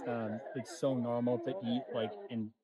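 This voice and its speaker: A man runs a casual street interview, easygoing and chatty, leaning on likes. His voice sits at a middle pitch. A lively city crowd murmurs clearly behind him. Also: normal speed, dull audio. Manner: friendly, easygoing, full of likes. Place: outdoors on a busy city street.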